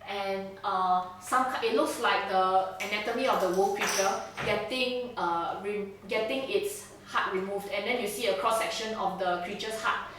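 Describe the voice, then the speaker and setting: A woman's voice: medium pitch, moderate pace, hardly any pauses, background noise. A woman narrating a tabletop game as game master, chatty and casual, often checking in with her players. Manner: casual, chatty, frequent laughs and "okay?" checks. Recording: roomy echo, distant mic.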